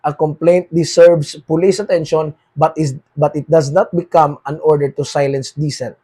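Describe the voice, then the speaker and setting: A Filipino man with a Filipino accent hosting a political commentary monologue, moving between read English lines and Tagalog and dropping quieter at the end of phrases. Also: fairly high pitch, steady tone, moderate pace, husky. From Philippines. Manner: switches between read English and Tagalog, repeats "mga kaboses, mga kababayan"; trails off quieter at phrase ends.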